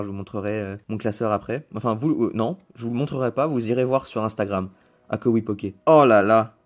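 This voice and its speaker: A young man chatting casually while opening trading card packs, who rambles between cards and breaks into excited shouting over good pulls. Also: mid-range voice.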